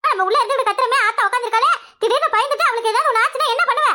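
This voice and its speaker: Woman voicing a fast, bright-voiced nagging cartoon mom, southern Tamil village accent. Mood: scolding. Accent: southern Tamil Nadu village Tamil. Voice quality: shrill, fast, exclaiming. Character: scolding village mother, loud and quick-tempered. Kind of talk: cartoon voice acting.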